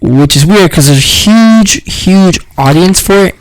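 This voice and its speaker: A man's voice: high-pitched, lively intonation, unhurried, rough recording. A man co-hosting a casual podcast, rambling with lots of fillers and slang. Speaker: podcast co-host. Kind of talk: casual chat.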